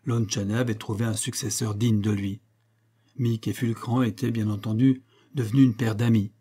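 A man narrating a detective story as an audiobook reader, measured and even. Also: on the low side, slightly rough.

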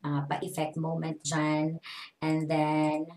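A woman's voice: low-pitched, monotone, slow pace, a little mellow. A young woman with a Filipino accent, an online English teacher giving a casual, chatty tutorial in English and Tagalog. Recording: echoey room.

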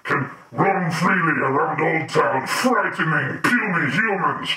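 A man voicing a hulking monster who speaks in slow, broken caveman grammar and chuckles at humans. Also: on the high side, lively intonation, bright, forceful tone, roomy sound, far from the mic, heavily acted, rough recording. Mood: gleeful menace. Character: hulking male monster, crude broken speech.

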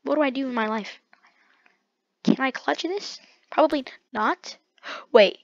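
A woman's voice: high voice, unhurried, no room sound. A young woman giving live gameplay commentary, talking to herself dramatically with slang and lots of repeated words. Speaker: gaming creator. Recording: dull lo-fi dry mic.

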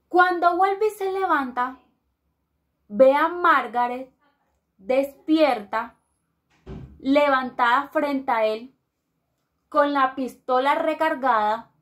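A woman from Colombia telling a dark story aloud in a casual, conversational way, pausing and restarting as she goes. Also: high voice. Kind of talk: oral storytelling.

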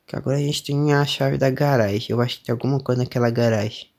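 A young man with a Brazilian accent narrates his way through a horror game. He sounds jumpy and nervous, with frequent startled exclamations. His voice sits in an ordinary middle pitch. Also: steady tone, fast talker, darkish tone. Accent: Brazilian Portuguese. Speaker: gamer streamer. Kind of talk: let's play commentary.

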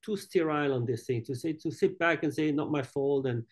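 On a video call captured by his webcam, a middle-aged man heading a hotel group gives an interview in a halting style, restarting often and using lots of fillers. He has a fairly high pitch. He was born in France, grew up in Italy and Switzerland, and sits indoors in a room with a large painting.

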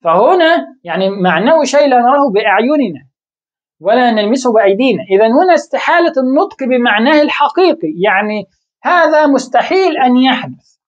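A woman explains a lesson in a lively, up-and-down voice pitched a little high. She keeps asking rhetorical questions and answering them herself, sometimes stalling on a word. The recording sounds dull and muffled. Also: a little fast. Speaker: Arabic grammar teacher.

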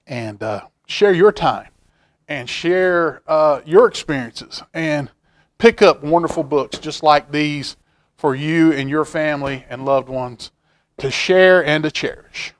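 A middle-aged stand-in storytime reader sits at a library table and reads a picture book aloud slowly, in an animated way. His voice is somewhat high, and he chats folksily with the young listeners. He likes to repeat a phrase to drive it home.

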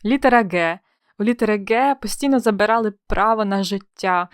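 A woman's voice: mid-range voice, a little fast, clean tone, no room sound, clean studio sound. A young woman teaching an exam-prep spelling lesson, explaining in a friendly way with playful comparisons and questions to the viewer.

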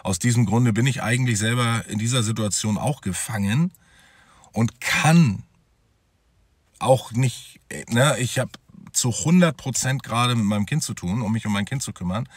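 A man's voice: mid-range voice, normal speed, breathy edge, no echo. A man telling his own story as a father in a personal vlog, talking straight to his viewers in a conversational way.

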